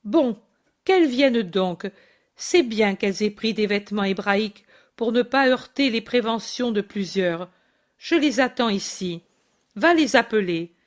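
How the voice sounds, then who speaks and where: A woman reading aloud and voicing a calm, gentle male teacher giving quiet instructions. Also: a little high, unhurried. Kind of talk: audiobook reading.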